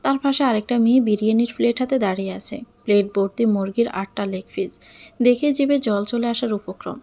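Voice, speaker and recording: A woman narrating a lively first-person story in Bengali. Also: a little high, a little fast.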